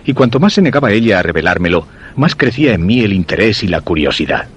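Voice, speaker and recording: With a Castilian Spanish accent, an actor plays a curious, insistent husband recounting a mysterious romance in a measured, literary radio-play style. His male voice sits fairly low and sounds slightly rough, very animated yet measured and reflective in mood.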